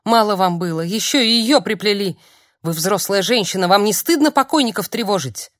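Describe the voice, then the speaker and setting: Woman voicing a distraught grown woman, hoarse shouting, loud, raised pitch, audiobook. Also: slow, dry recording, studio quality, heavily acted. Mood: furious. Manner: hoarse, shrieking outbursts.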